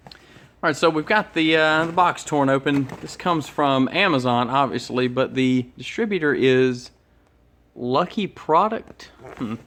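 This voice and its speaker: A man with a fairly high-pitched, fairly bright voice hosts an electronics unboxing channel, commenting casually and unscripted at an indoor workbench. He sounds hesitant, thinking aloud as he goes.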